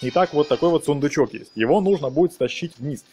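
Soft music sits behind a fast-talking man with a fairly high, mellow voice and lively intonation. As a let's player, he casually explains every step of the game using slangy words and diminutives.

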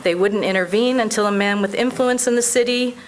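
A woman's voice: mid-range voice, brisk, a little hiss or hum. A woman reads a prepared advocacy speech as a public commenter at a council meeting, earnest and emphatic.

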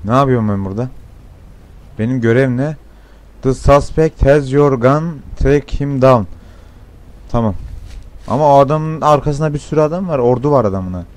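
A young man commenting on his gameplay, excitable and swearing a lot, with sudden shouts. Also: mid-range voice, moderate pace, pauses often. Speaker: gameplay streamer.

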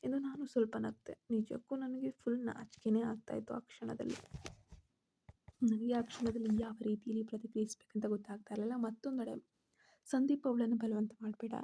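Female storyteller, dark mellow tone, pitched a bit high. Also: creaky, slight background noise. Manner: voices the characters' quoted lines herself. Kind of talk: first-person story narration.

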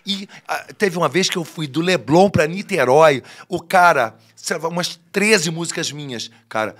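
Man telling an animated story. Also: fairly high pitch, normal speed. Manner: animated storyteller who acts out the people he quotes. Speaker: podcast guest, singer. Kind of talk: casual storytelling chat. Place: podcast studio.

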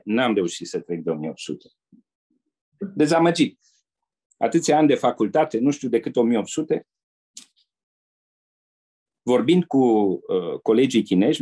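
An older man from Romania, a retired diplomat, telling anecdotes as a guest in an interview in a measured way. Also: mid-range voice, very animated, mellow, slightly rough. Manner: measured storyteller who acts out quoted people.

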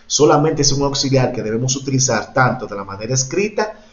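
A man's voice: medium pitch, expressive, brisk, reverberant, dull audio. A man teaching English to Spanish-speaking students in an online class, explaining grammar patiently step by step and mixing in English examples.

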